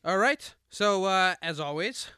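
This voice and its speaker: A man's voice: high-pitched, lively intonation, a little slow, sharp tone, smooth. A young man co-hosting a casual podcast, joking, laughing and reading listener emails aloud. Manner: jokey, laughs often, reads emails aloud. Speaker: podcast co-host.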